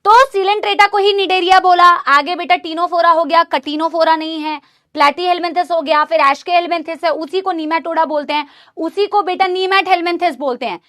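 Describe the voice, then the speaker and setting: A young woman teaching a live online biology class, chatty, repeating terms slowly for students to say along and scolding them for chatting. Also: very high voice, fairly even intonation, a bit bright, no room sound, studio quality. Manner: drills pronunciation, chatty and scolding.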